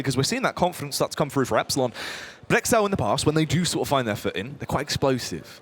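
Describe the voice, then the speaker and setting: A man doing excitable play-by-play as an esports caster, with dramatic, punchy phrasing full of fighting slang. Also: mid-range voice. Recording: gunfire and clicks over the voice. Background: video game gunfire and clicks.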